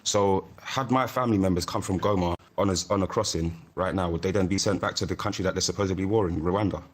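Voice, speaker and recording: Deep-voiced audience man from Congo, urgent quick question, husky. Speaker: audience member asking a question.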